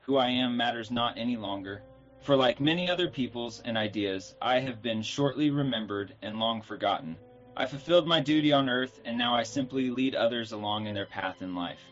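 A man voicing a gruff male spirit guide with a robotic, metallic voice, who switches between solemn pronouncements and crude slang. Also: mid-range voice, brisk, dull audio, faint music behind.

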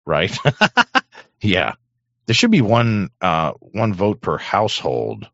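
Host, middle-aged man, extremely low, hoarse voice, rambling profane monologue on a dry, dull-sounding studio mic. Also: big pitch swings, slow pace, fairly bright tone, no room sound. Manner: rambling, profane, frequent throat-clearing. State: hoarse throat. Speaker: show host. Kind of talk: casual on-air monologue. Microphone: studio microphone.

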